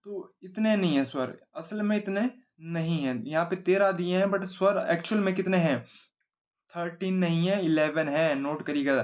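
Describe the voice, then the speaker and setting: A man's voice: sits high, normal speed. A male grammar teacher giving an exam-oriented lesson at a board, explaining simply and often asking and answering his own questions. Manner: explains simply, repeats questions and answers them himself, asks 'है ना?' often.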